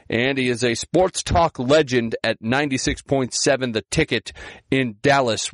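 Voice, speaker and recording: A man's voice: mid-range voice, no echo. A male podcast host and sportscaster from Minnesota, recorded inside a walk-in closet on a small digital recorder, giving candid, conversational updates. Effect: dry closet sound, muffled by clothes. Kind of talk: podcast intro monologue.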